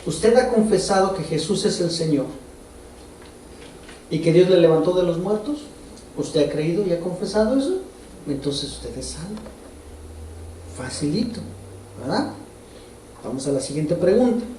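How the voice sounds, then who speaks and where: A man's voice: sits high, lively intonation, measured pace, pauses often, warm tone, a little hiss or hum. A man preaching a sermon as pastor, in a conversational way, putting direct questions to the congregation. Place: church hall. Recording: roomy echo from far off.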